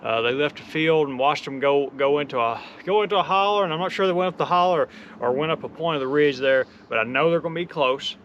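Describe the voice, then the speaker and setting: Man, folksy drawl, bright forceful voice, casual vlog chat, faint background noise. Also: on the high side, quick pace, hardly any pauses, lo-fi sound. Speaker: turkey hunter.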